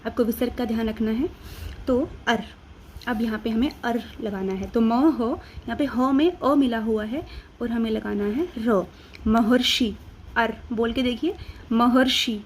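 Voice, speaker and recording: A woman's voice: fairly high pitch, moderate pace, darkish tone, a little hiss or hum. An Indian woman teaching grammar, patiently asking and answering her own questions step by step. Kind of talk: classroom-style explanation.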